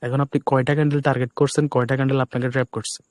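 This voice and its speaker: A man with a hoarse, breaking voice teaching a live online class, keeping his voice soft to spare it. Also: medium pitch, flat delivery, no echo. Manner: speaks deliberately softly to spare his voice. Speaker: trading instructor.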